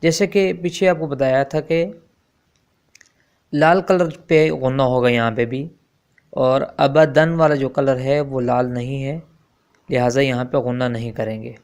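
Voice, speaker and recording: A man's voice: medium pitch, fairly even intonation, measured pace, long pauses, darkish tone. A man teaching Quran reading, sounding out each letter and vowel mark before joining them into words. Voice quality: clear, crisp voice. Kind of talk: slow syllable-by-syllable recitation lesson.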